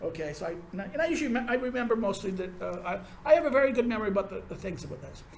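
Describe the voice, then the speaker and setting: A male university lecturer with a fairly high voice talks through a classroom lecture in a rambling, sardonic way, often restarting his sentences. The sound carries the echo of a roomy lecture hall. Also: animated, racing, creaky, darkish tone, a little hiss or hum.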